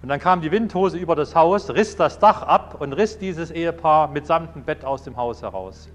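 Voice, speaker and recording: A man's voice: on the high side, animated, normal speed. A man giving a sermon, telling anecdotes and acting out little dialogues in changing voices. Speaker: preacher.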